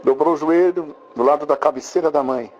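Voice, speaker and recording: A man's voice: a little high, fairly quick, a little mellow, slight background noise. A man preaching a church testimony, telling the story dramatically. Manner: dramatic storytelling, acting out the child's voice. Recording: muffled lo-fi church recording.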